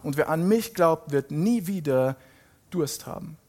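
A man's voice: on the high side, animated, darkish tone. A man reading a Bible passage aloud and stopping now and then to comment on it in a casual, emphatic way. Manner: reads scripture slowly with emphatic rises, then comments casually. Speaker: preacher.

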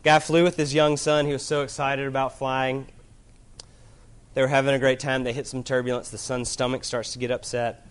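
A man preaching a sermon to a room of listeners, earnest, moving from loud emphasis to hushed gravity. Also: medium pitch, flat delivery, normal speed, smooth. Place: room with an audience.

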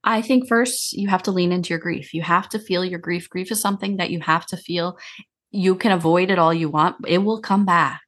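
A woman's voice: lowish voice, fairly quick, fairly bright tone. A woman grief counselor talking casually in an interview, explaining in long run-on sentences.

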